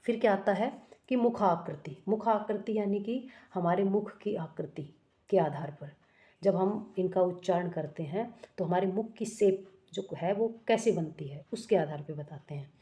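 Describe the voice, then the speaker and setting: A woman's voice: mid-range voice, a little slow, dark tone. A woman teaching an exam-prep grammar lesson, explaining step by step, asking questions and answering them herself, and correcting herself often.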